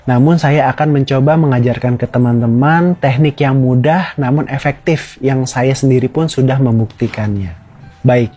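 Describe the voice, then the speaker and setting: Man, Indonesian accent, soothing yoga-teacher manner, soft dark tone, slightly husky, calm step-by-step meditation guidance, light music behind. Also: mid-range voice. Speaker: meditation instructor. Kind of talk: guided meditation tutorial for beginners.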